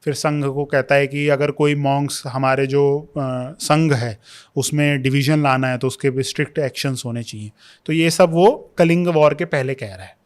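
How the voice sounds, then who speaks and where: A man's voice: medium pitch, fairly even intonation, moderate pace. A young man, a history scholar who explains at length in a podcast interview, mixing English terms into his Hindi. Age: young adult.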